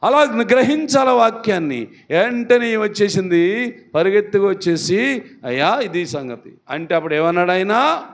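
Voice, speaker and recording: A man's voice: high voice, animated, moderate pace. A male pastor preaching a sermon in a church, retelling a story and firing questions at the congregation. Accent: Telugu. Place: church hall.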